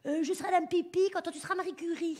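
A woman's voice: very high voice, fairly even intonation, fast talker. A woman voicing a prim, ambitious young son who speaks stiffly and hesitantly. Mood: pompous. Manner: stiff, hesitant, self-important.

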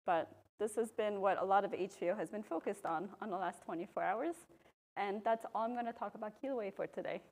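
A volcanologist from Belgium giving a public talk, a woman explaining at a podium microphone in a university lecture room, relaxed, with frequent ums. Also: medium pitch, fairly quick. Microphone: podium microphone, filmed from a far camera.

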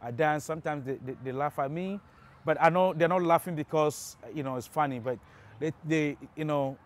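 A middle-aged man with a Ghanaian accent, a drumming and dance teacher speaking in an interview, halting with many fillers. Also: a little high. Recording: music playing underneath.

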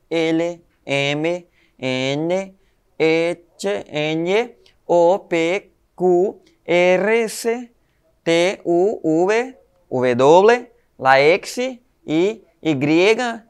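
A man with a slightly high, clean-toned voice and a Brazilian Portuguese accent teaches Spanish to schoolchildren in a recorded online class. He explains patiently, tags his sentences with "né?" and "tá?", calls the students "galerinha" and spells letters out slowly.

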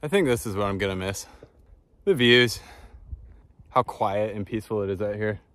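Walking along a countryside footpath, this thirties-aged travel vlogger talks casually and thoughtfully to a phone at arm's length. He speaks at a moderate pace in a low-leaning voice with a fairly bright tone.

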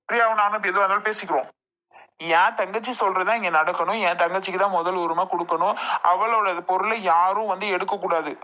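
A woman playing a hot-tempered man who loudly defends his younger sister in a family quarrel skit. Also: lowish voice. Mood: angry. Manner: loud, insistent, argumentative.

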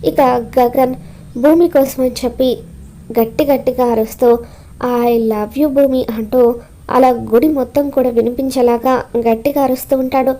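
A woman narrating a recap of a TV serial episode in an even storytelling manner. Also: high voice, normal speed.

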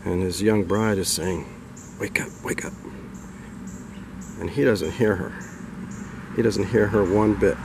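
A man's voice: deep voice, fairly even intonation, moderate pace, vocal fry, background noise. A man telling a personal story in a folksy, rambling way to his video audience. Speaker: storyteller vlogger. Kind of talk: casual storytelling.

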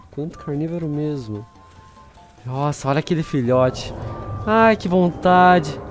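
A young Brazilian man giving casual gameplay commentary, playful, laughing often and breaking into shrill panicked yelps. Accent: Brazilian Portuguese. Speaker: gaming YouTuber.

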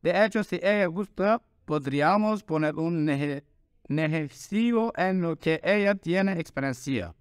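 A man with a Turkish accent works through viewer questions in careful, halting Spanish and repeats the words that trip him up. His voice sits high for a man and comes across crisp and clear. The recording is dry and close. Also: no echo. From Turkey. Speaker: vlogger. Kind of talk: Q&A vlog, reading fan questions.

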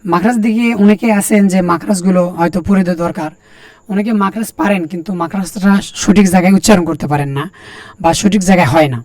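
A man teaching Quran letter pronunciation, saying each sound again and again slowly and telling learners to copy him. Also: high voice, darkish tone, dry recording. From Bangladesh. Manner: repeats each letter sound several times, slow and deliberate; talks directly to learners, plain and encouraging. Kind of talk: recorded lesson on Arabic letter pronunciation.

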